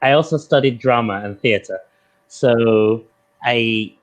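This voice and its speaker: A man with a mixed London and Nigerian accent, tutoring English in a relaxed, thoughtful video-call chat. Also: mid-range voice, slow pace, low-quality recording. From London, England. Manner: relaxed and thoughtful, adjusts his sound to the listener. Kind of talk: casual video-call conversation.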